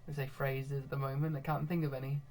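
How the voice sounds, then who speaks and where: A young man commentating live on his own football management game, getting excitable when goals come and laughing at himself. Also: mid-range voice, fast talker. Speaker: gaming video host.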